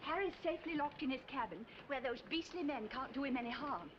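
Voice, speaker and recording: An actress in a 1950s film playing a flighty, affected upper-class wife with a breathy, gushing manner. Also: female voice, high voice, lively intonation, a little fast, noisy background. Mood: airy scheming. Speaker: film character. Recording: dull old film soundtrack with music.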